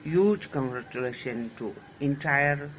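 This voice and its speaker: A man's voice: mid-range voice, animated, a little slow, a bit bright, a little hiss or hum, rough recording. A man giving an enthusiastic video greeting, repeating himself with many fillers. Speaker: well-wisher sending a video message.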